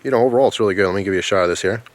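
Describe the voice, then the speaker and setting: Very low-voiced man, casual reviewer. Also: very fast, a little hiss or hum. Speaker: pipe tobacco reviewer. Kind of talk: casual product review vlog. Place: outdoors in the snow in winter.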